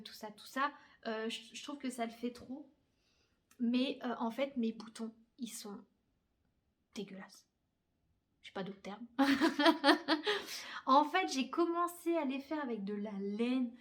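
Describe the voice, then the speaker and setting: A young woman chatting casually about her crochet projects, with many fillers and blunt slangy asides. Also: on the high side. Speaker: crafting podcaster. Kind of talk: casual chat. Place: her bedroom.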